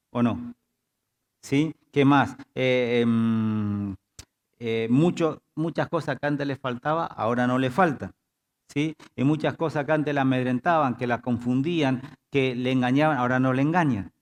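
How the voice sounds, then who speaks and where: Man preaching a sermon with call-and-response. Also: mid-range voice. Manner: repeats "diga" and "¿sí?" to engage the congregation. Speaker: pastor. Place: church.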